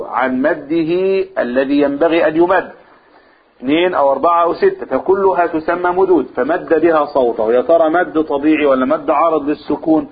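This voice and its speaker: A man with an Egyptian Arabic accent teaching a religious lesson to a group. He asks the room questions and answers them himself, and he draws out vowels to demonstrate recitation. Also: a little high. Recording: husky, phone-like lo-fi recording.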